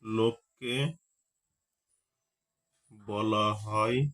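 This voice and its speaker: A man's voice: on the low side, level tone, extremely slow, fairly bright tone. A male teacher giving a grammar lesson. He says each term several times and keeps asking rhetorical questions before he answers them himself. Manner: repeats terms, asks rhetorical questions.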